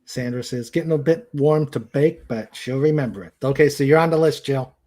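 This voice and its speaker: A man with a medium-pitched, slightly mellow voice, speaking a little fast, hosts a casual live chat from home in a room with a couch. He reads out viewer comments hesitantly, rambling and repeating his phrases.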